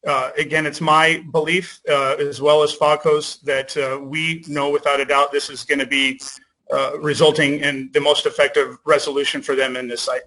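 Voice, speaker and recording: A man giving formal testimony as an engineer over a video call, deferential and halting in his phrasing. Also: on the high side, level tone, bright, forceful tone, low-quality recording. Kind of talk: formal public meeting testimony.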